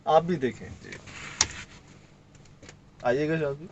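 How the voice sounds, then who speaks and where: A man from Sindh tells a story in a casual conversation, in a voice a little higher than usual. He talks with lively gestures in his voice and acts out the lines of the people in the story. A faint hum sits in the background. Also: lo-fi sound. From Sindh, Pakistan. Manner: animated, acts out quoted lines. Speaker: guest recounting a field trip.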